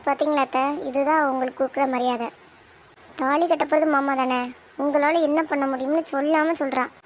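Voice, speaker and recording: A woman's voice: sits high, fairly even intonation, fairly quick, a little hiss or hum, natural voice. [name], a woman voicing a spiteful young niece. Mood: taunting. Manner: taunting, stirring trouble. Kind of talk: cartoon soap drama voice acting.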